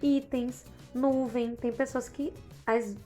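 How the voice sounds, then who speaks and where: Brazilian-Portuguese-teaching woman, high voice. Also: steady tone, takes it slowly, mellow, faint music behind. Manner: explanatory, frequent tag questions. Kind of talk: slide-based grammar lesson.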